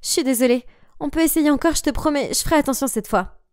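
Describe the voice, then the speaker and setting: A woman voicing a shy, gentle French teenage girl who speaks softly. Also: high voice, quick pace, dry recording, clean studio sound, pitched above the performer's own voice, close to an everyday voice. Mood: upset.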